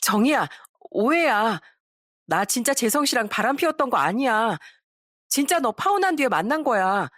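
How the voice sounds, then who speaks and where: A woman's voice: fairly high pitch, big pitch swings, moderate pace, fairly bright tone, no echo, studio quality, pitched above the performer's own voice. A woman voicing a flustered, guilty young bride who pleads and stammers.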